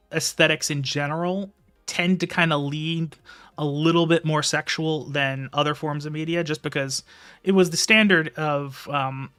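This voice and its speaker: A man's voice: on the high side, sharp tone, clean tone. A man streaming live, reading a novel aloud and commenting casually in a rambling way with filler words.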